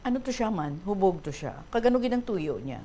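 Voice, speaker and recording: Lively Hiligaynon-accented woman radio host. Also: mid-range voice, fairly quick. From Philippines. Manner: curious questioning, mixes in English. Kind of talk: radio call-in chat.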